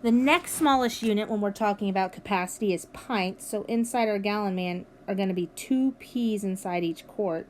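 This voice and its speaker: A woman's voice: medium pitch, normal speed, hardly any pauses, slight background noise. A woman teacher recording a math lesson for her students, upbeat and encouraging as she walks them through each step. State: has the hiccups. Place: at home with her dog nearby.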